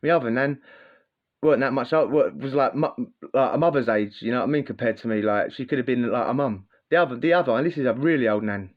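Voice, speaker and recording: Talking fast in a mid-range voice, a male vlogger spins a slangy, rambling casual story with plenty of repetition. The lo-fi audio comes across slightly dull.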